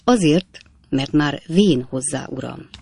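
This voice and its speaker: A man voicing a stout elderly gentleman who addresses his friend with stiff formal indignation before turning kindly. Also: on the high side, animated, a little hiss or hum. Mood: indignant, stern. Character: stout elderly gentleman club president, stern then kindly.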